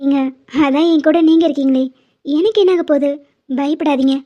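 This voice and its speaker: A woman voicing a playful, teasing pregnant young wife in an animated cartoon. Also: high-pitched, a little fast, highs cut off, lightly acted. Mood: affectionate. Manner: teasing, bossy, affectionate.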